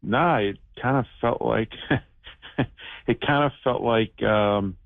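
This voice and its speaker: A man in his fifties calling in to a show by phone, telling a personal story in a casual, halting, plain-spoken way. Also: mid-range voice, gravelly, no room sound. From United States. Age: 50s. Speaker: radio show call-in guest, shoemaker. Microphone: telephone. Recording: muffled band-limited phone call.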